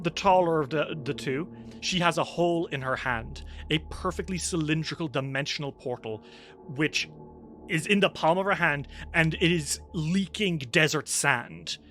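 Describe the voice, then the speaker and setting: A man narrates a tabletop game as game master, painting the scene in vivid, animated detail. His voice sits a little high and sounds bright and sharp. His delivery is lively and descriptive.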